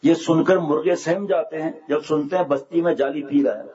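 A man giving a sermon to students, telling humorous stories in a lively, joking way and chuckling as he goes. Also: fairly high pitch, lo-fi sound, crowd noise. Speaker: religious speaker addressing students.

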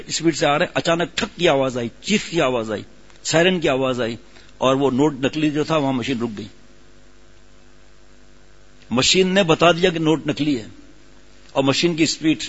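A man's voice: medium pitch, breathy edge. A man preaching a sermon, telling a story and then urging his listeners on with growing emphasis. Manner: storytelling, rising to emphatic exhortation. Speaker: religious preacher. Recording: dull lo-fi sound.

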